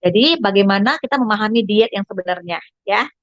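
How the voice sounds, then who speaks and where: A woman's voice: medium pitch, a little fast, no room sound, dull audio. A woman diet coach, giving a chatty online class lecture and often addressing listeners as friends.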